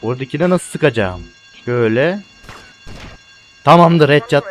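Excitable man narrating his gameplay. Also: fairly high pitch, a little slow, soft background music. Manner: excitable, swears, addresses viewers as friends. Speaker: let's play gamer. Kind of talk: casual gameplay commentary.

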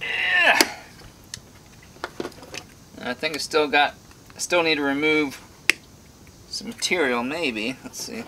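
A man's voice: fairly high pitch, unhurried, pauses often, background noise. A man talking casually through a bone carving project in his workshop, thinking aloud with frequent fillers. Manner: thinking aloud with many "um"s, upbeat when things work.

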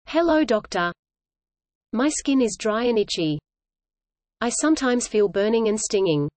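Reading an English lesson dialogue aloud, a woman keeps an even, measured delivery and repeats each line for learners. Her voice is a little high, and the recording is dry.

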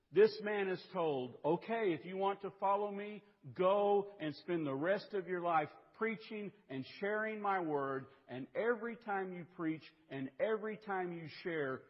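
A man preaching a sermon as pastor, reading scripture in a measured way and building to raised, emphatic passages. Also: high-pitched, lively intonation. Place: church sanctuary. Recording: dull lo-fi recording in a reverberant church.

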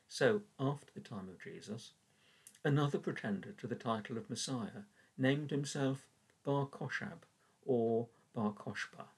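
An older English man reads scripture and leads prayers at a measured, earnest pace. His voice is slightly husky. He speaks into a webcam in a small room. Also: mid-range voice, rough recording. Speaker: church warden leading prayers. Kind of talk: reading and devotional reflection. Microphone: webcam at desk.

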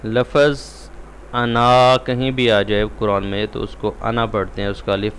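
A man teaching a Quran recitation lesson. He explains the rules quickly and recites the words slowly, drawing them out. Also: fairly low pitch, little pitch movement, a bit bright, a little hiss or hum. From Pakistan.

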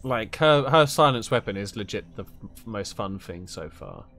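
A man's voice: lowish voice, animated, moderate pace, fairly bright tone, slight background noise. Swearing man streaming a game. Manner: joking, swears freely, reacts aloud. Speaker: gaming streamer. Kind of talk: casual gameplay commentary.

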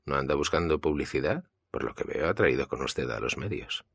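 A man's voice: a bass voice, expressive, fairly quick, vocal fry, a bit bright, slightly rough, no echo, studio quality, heavily acted. A man with a Spanish accent reading a cold, condescending army colonel in an audiobook, with curt lines. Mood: contemptuous. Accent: Spain.

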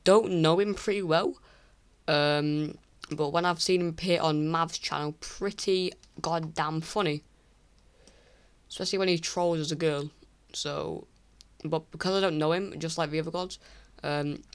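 Recording late at night has left this teenage boy from England sounding croaky as he makes a tier list of online creators for YouTube. His high-ish voice stays steady and a little slow, with long pauses, while he rambles apologetically and keeps starting over.

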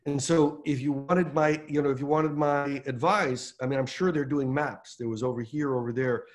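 An older man speaks over a webcam from a room at home, hosting a town hall. His voice sits at an ordinary middle pitch, and he talks in animated bursts that pick up speed when he makes a point. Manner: animated, gestures with his hands, fast bursts. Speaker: host of a town hall on a video call. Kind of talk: explanatory advocacy talk. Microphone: video call webcam.

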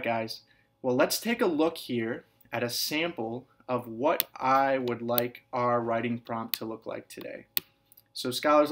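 Man teaching a lively video writing lesson. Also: mid-range voice. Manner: repeats each point, lively sing-song emphasis on example sentences; calls the children "scholars". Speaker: kindergarten and first grade teacher. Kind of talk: recorded video lesson for young children.

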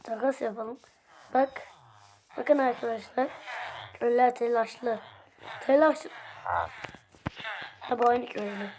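A woman with a hoarse, fairly high voice talks her way through a game at an unhurried pace. She chats casually with her viewers and with the game's characters. Faint background noise sits under her voice. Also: steady tone, a little mellow. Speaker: gameplay video host.

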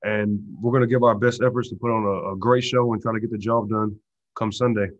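A young man answering press questions in a relaxed way, full of "you know" fillers. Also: fairly low pitch, brisk, no echo. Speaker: football player answering press. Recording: dull lo-fi video call audio.

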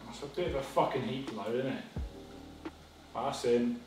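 A man's voice: medium pitch, moderate pace, distant mic. A young man cooking while chatting to the camera, swearing and mocking himself as he goes. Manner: sweary, chaotic, self-mocking running commentary. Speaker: vlogger cooking a dinner-party meal. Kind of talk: casual cooking vlog chat. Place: home kitchen. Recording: echoey kitchen, voice off-mic, faint music.

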